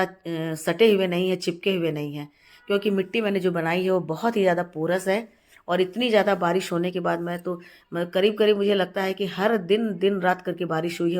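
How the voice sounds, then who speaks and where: A woman hosting a gardening channel films a casual tutorial on her home terrace garden outdoors, her voice heavy and stuffy from a cold. Fairly low and a little mellow, she chats, repeats herself, and pauses frequently on fillers.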